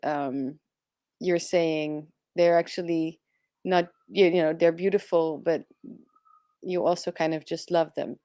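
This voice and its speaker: A woman's voice: sits low, fairly even intonation, unhurried, warm tone, no echo, clean studio sound. A woman speaking English as a second language, co-hosting a tarot live stream in a chatty way, laughing often. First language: not English. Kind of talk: casual chat.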